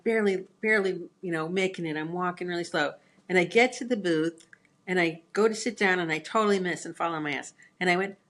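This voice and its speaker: A woman in a casual chat, telling stories in an animated way and laughing at herself. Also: lowish voice. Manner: animated storyteller, acts out quotes, laughs at herself.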